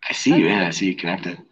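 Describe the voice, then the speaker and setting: A teacher talking casually as a podcast guest, rambling with lots of fillers and laughing easily, heard over headphones on an online call. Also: male voice, sits low, fairly bright tone, slightly rough, rough recording. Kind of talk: casual chat.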